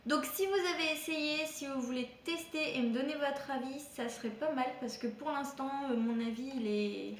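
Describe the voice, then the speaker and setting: A woman's voice: high-pitched, normal speed, few pauses, reverberant, slight background noise. A woman vlogger casually reviewing products from a shopping haul, chatty and hesitant, with frequent fillers and restarts. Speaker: beauty vlogger.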